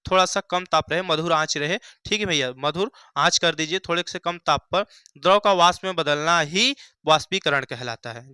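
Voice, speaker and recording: A man's voice: fairly high pitch, sharp tone, clean tone, dry recording. A young man teaching a Hindi science lesson at a board, who asks the class questions and answers them himself, repeating key phrases. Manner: repeats key phrases, calls students "bhaiya" and "mere bhai".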